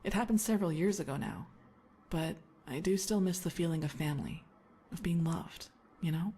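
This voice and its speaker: A woman voicing a reflective young game mage, low voice, faint noise behind. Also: normal speed, close to an everyday voice. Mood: wistful. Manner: calm, reflective. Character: young female mage, wistful and earnest. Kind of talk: game voice acting.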